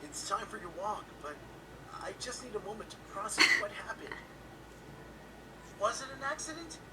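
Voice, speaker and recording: A man's voice: high-pitched, very animated, normal speed. An actor playing a flustered young man, rambling aloud. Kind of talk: web series acting. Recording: distant mic with loud noise.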